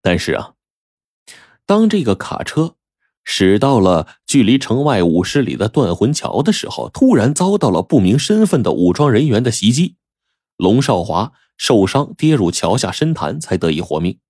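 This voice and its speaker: A man telling a traditional serialized story in a chatty, animated way, turning to the listeners with asides. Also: lowish voice, normal speed, dry recording, clean studio sound.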